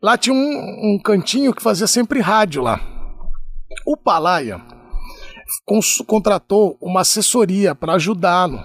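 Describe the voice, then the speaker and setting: Animated brazilian man telling stories. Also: high-pitched, unhurried, no echo, studio quality. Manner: animated storyteller, mimics people he quotes. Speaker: podcast guest, sports reporter. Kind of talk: casual storytelling.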